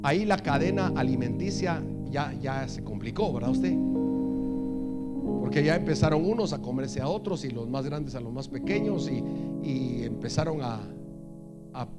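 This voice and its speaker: A man preaching a sermon in church, speaking conversationally, asking the congregation questions and reading scripture slowly and forcefully. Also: medium pitch, lively intonation. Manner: reads scripture slowly and loudly. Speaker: pastor. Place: church hall. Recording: long hall reverb. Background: faint guitar music.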